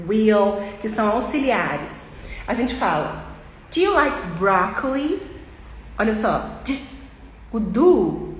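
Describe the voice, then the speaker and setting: A woman's voice: medium pitch, slight background noise. A Brazilian woman who teaches English gives an informal lesson, explaining patiently, step by step, and repeating her key points. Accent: Brazilian Portuguese. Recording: echoey room with long reverb and faint ambience.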